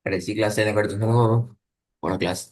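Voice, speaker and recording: A man's voice: fairly low pitch, fairly even intonation, normal speed. A man teaching Quran recitation in a one-on-one online lesson, patiently repeating points and checking understanding. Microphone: video call.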